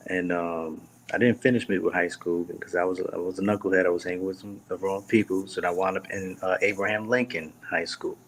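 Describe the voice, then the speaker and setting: A man's voice: low-pitched, fairly even intonation, brisk, few pauses, slight background noise. A young man, chatting as an interview guest, rambling with lots of fillers and restarts. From Brooklyn, New York. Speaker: guest singer. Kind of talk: casual interview.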